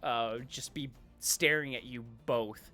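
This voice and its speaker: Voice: medium pitch, slow, bright, forceful tone, soft background music. A game master narrating an improvised tabletop game.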